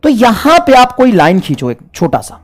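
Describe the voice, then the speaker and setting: Lively, repetitive male math teacher. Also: sits high, moderate pace. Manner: repetitive, drills points over and over; addresses students fondly as children. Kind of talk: classroom lesson.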